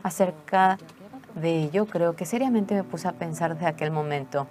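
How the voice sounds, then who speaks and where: A woman telling a personal testimony in an earnest, halting way, with restarts. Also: fairly low pitch, darkish tone. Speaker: testimony speaker.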